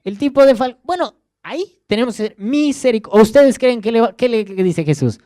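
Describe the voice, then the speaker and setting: A man's voice: very high voice, lively intonation, normal speed, dark tone, no room sound, studio quality. A young man in his twenties with a Rioplatense accent, preaching a sermon in a conversational way and often repeating words as he searches for the next one. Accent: Rioplatense Spanish. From Argentina.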